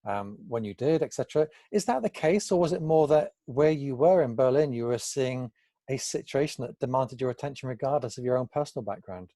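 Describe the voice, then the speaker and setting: A man's voice: mid-range voice, animated, a little fast, dark tone, dry recording. A man hosting an interview, asking long, thoughtful questions that rephrase what his guest has said. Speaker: interviewer, host.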